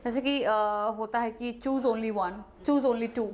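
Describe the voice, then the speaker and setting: A young woman teaching an exam prep lesson, reading questions slowly and then explaining them in quick, chatty speech. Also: fairly high pitch, a little mellow. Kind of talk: exam prep lesson, Hindi mixed with English.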